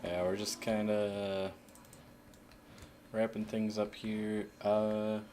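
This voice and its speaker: A man streaming a game, chatting casually with other players in a relaxed, hesitant way with many fillers. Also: lowish voice, slow, slight background noise. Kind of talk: casual voice chat while playing.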